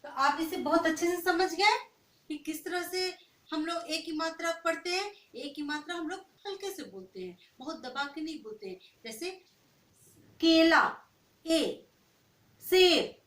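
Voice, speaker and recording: A woman teaching young children, spelling out letters slowly and asking them patient questions. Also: high voice, lively intonation, fairly bright tone. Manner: slow, sing-song spelling out of letters. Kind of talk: children's language lesson. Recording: echoey room, mic at a distance.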